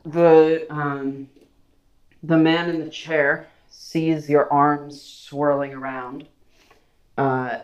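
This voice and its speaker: A man's voice: fairly high pitch, little pitch movement, drawn-out words, muffled recording. A man running a tabletop game as game master, playful and teasing, often stopping and restarting his sentences.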